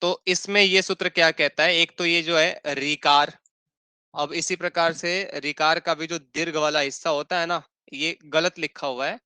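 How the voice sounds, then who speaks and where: A man teaches an online class on a close microphone with a dry, dead sound. His voice is bright, smooth and clear, pitched a little high. He explains patiently and repeats each rule slowly, checking in often. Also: steady tone, no room sound. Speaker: Sanskrit teacher.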